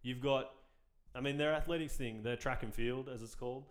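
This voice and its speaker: A man's voice: medium pitch, fairly quick. A man co-hosting a casual sports podcast, dry and offhand. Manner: dry, offhand, self-deprecating. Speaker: podcast co-host.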